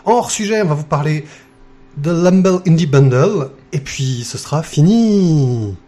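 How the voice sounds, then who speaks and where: A man hosts a laid-back comics podcast from behind the mic. His voice sits a bit high and moves around with lively pitch. He trips over fillers and throws in jokes as he goes. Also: a little slow. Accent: non-native accent, mocked by cohosts. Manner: hesitant, many fillers, joking. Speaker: podcast host. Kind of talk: casual podcast chat.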